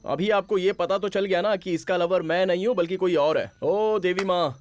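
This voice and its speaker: A man dubbing a harried young hero in a Hindi film, pleading and exasperated, with loud music behind. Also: high voice, moderate pace, lightly acted. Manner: pleading then irritated, exasperated.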